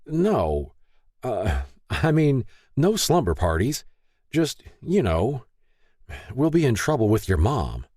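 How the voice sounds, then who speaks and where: A man's voice: medium pitch, sing-song, slow, darkish tone, breathy edge, dry recording, studio quality, voice pushed up, full character voice. A man voicing a frustrated, stubborn unemployed man who talks in an exasperated way. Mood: flustered. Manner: exasperated, flustered talk.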